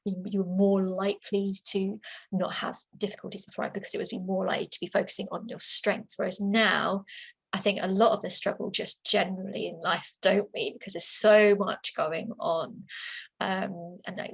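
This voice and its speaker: Creaky and a bit breathy, her mid-range voice comes through poor audio from a computer microphone. She's a workplace assessor running a webinar in a loose, talkative way, repeating herself with frequent fillers and false starts.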